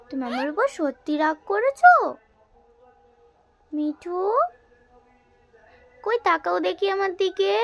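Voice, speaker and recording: Woman vlogger, very high slow baby-talk coo to a pet, sing-song and coaxing. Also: vocal fry.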